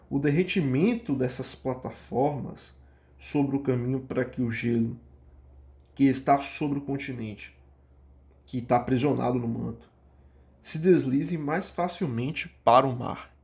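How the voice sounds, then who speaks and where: A man's voice: medium pitch, unhurried, darkish tone. A man with a Brazilian Portuguese accent, teaching a recorded geography review class. He reads each question aloud and then answers it, calling out to his students and stumbling into small restarts. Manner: frequent fillers and restarts.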